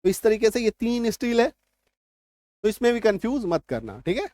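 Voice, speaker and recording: A man's voice: sits high, big pitch swings, normal speed, a little mellow, no echo, studio quality. A man teaching English spelling rules, repeating points and checking if students follow. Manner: repetitive, reassuring, keeps checking understanding. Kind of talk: spoken lesson explaining spelling rules.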